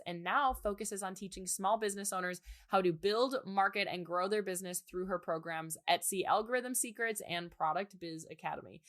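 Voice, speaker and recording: A woman hosting a podcast in a chatty, bubbly, informal way, with a slightly raspy, nasal voice. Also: mid-range voice, sharp tone. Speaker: podcast host and business coach. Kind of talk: chatty conversational podcast intro and interview. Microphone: close podcast microphone, dry sound.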